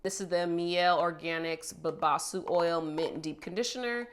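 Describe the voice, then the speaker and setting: With a lowish voice at normal speed, a young woman talks through her at-home hair-care routine despite a cold making her sound congested. This beauty vlogger stays chatty and cheerful, covering every step in turn.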